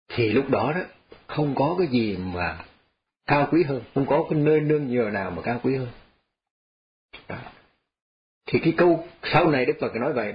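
A man, a Buddhist monk, gives a folksy, repetitive dharma talk and chuckles as he tells parables. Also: mid-range voice. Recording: slightly dull lo-fi audio.

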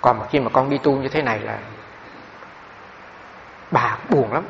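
A man's voice: medium pitch, unhurried, creaky. A man, a Buddhist monk, giving a dharma talk on meditation, telling stories with many repeated fillers. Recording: dull recording with long hall reverb and faint background noise.

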